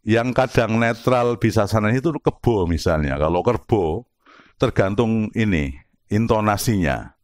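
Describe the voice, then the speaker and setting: A middle-aged man giving a lively religious philosophy lesson, explaining with rhetorical questions and examples and slipping in Arabic and words. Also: on the low side, a little slow, no echo, studio quality. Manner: mixes in Arabic and Javanese words. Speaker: Islamic philosophy teacher. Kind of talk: lively religious study lecture.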